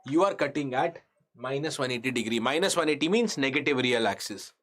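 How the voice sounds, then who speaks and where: Speaking in a mid-range, fairly bright, expressive voice at a fairly quick pace, a man with a North Indian accent leads a live online lesson for engineering exam students. He breaks the material down step by step, repeats key phrases, questions his students, and blends Hindi into his English.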